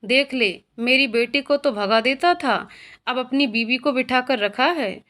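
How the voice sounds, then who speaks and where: A woman's voice: sits high, measured pace, a bit bright. A woman voicing a firm, playful older sister. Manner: firm, coaxing.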